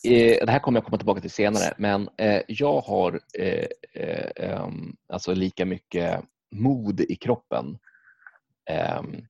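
A man's voice: sits low, vocal fry, darkish tone, husky, no echo, lo-fi sound. A man chatting casually, rambling through stories with lots of fillers, restarts and swearing. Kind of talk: casual chat about video games.

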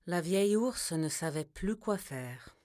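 Gentle woman reading a bedtime story. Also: fairly low pitch, animated, unhurried, dry recording, clean studio sound, faint music behind. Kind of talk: children's story narration.

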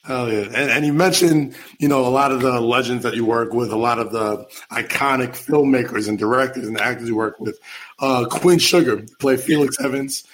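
A man's voice: medium pitch, normal speed, a bit bright, low-quality recording. Easygoing male podcast host. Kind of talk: casual interview chat.

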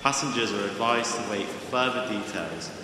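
A man playing an airport announcer, calling out flights and gates in a formal, measured way over an intercom. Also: on the low side. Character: adult male airport announcer. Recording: echoey public-address hall with background noise.

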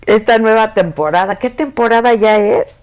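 A woman's voice: a little high, moderate pace, a little mellow, no room sound. A woman hosting a radio interview in a playful, teasing way, laughing often. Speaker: radio host.

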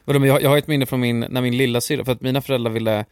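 A man co-hosting a podcast, telling a relaxed family anecdote in casual chat. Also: mid-range voice, clear, resonant tone, no room sound, clean studio sound. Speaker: podcast co-host.

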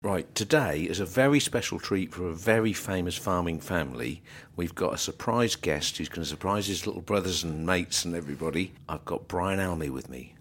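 A man's voice: low-pitched, fairly quick, hardly any pauses, fairly bright tone, husky. A man hosting a casual interview, asking chatty, rambling questions. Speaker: podcast host.

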